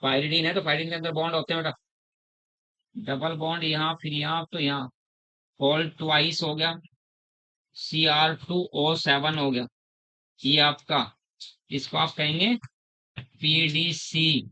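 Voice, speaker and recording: A middle-aged man teaching a chemistry class, slowly repeating terms, quizzing his students and calling them "beta". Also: a little high, level tone, sharp tone, poor audio. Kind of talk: classroom lecture.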